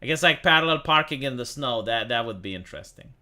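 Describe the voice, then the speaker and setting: A young Romanian man hosts a casual livestream, talking with his chat and reading articles aloud, restarting often and swearing now and then. His medium-pitched voice is animated, fast, pushed, and bright.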